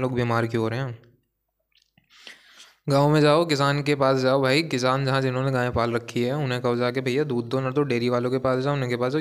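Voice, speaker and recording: A young man with a hoarse voice, a vlogger delivering a heated, preachy monologue straight to his viewers. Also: medium pitch. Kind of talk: ranting monologue to camera.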